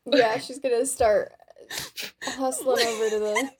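A woman's voice: fairly high pitch, steady tone, a little slow. A woman playing a tabletop game, chatting casually, hesitant and giggly, with slight noise on her recording. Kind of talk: casual chat during a role-playing game.

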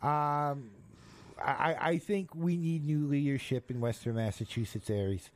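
Rambling New radio host. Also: male voice, fairly high pitch, unhurried. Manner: joking, rambling, with stumbling restarts. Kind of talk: casual live radio chat.

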